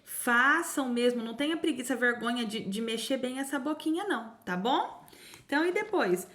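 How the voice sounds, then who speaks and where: A Brazilian woman teaching a remote lesson to young children, sounding out words syllable by syllable in a slow sing-song way. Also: high-pitched, lively intonation, a bit bright. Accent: Brazilian Portuguese. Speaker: primary school teacher.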